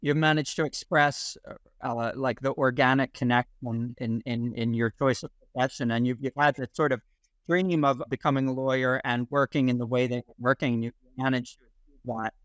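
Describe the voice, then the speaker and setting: A man hosting a video podcast, reading a scripted intro and then asking questions with some halting repeats. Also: medium pitch, fairly even intonation, fairly bright tone, clean tone, dry recording. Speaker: podcast host, interviewer.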